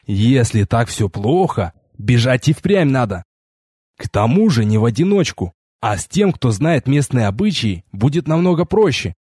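A man reading a first-person audiobook in an expressive, wry storytelling manner. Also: mid-range voice, normal speed, slightly rough, no room sound, studio quality. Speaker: audiobook reader.

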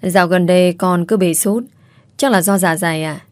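A woman reading aloud plays a modest young woman who answers politely and softly. The voice is low and the recording dry and near, as in a spoken storybook. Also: normal speed, no room sound, natural voice.

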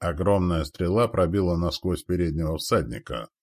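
Deep-voiced man reading dramatically. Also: expressive, normal speed, a little mellow. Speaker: narrator. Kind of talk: audiobook narration of a war novel.

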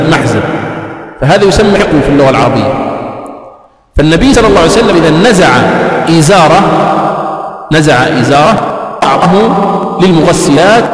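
A man teaching a religious lesson, explaining hadith text and repeating key phrases with a rising, half-chanted emphasis. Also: a little high. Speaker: Islamic scholar teaching. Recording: very echoey hall.

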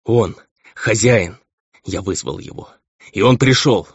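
A man's voice: fairly low pitch, takes it slowly, husky, dry recording, heavily acted. A man voicing a feverish, frantic young noble son raving, on a dull, lo-fi recording.

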